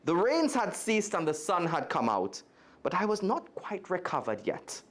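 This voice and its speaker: A guest storyteller from Trinidad and Tobago reads a children's story aloud, his Trinidadian accent and high-sitting voice swinging hugely in pitch at a moderate pace. He reads expressively and speaks directly to the young listeners.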